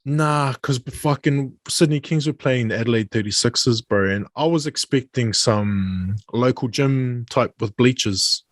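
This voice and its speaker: A man's voice: medium pitch, measured pace, hardly any pauses, no echo. Male podcast host with a broad Kiwi accent, matey and slangy, recorded dry. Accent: broad New Zealand. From New Zealand. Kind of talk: casual chat.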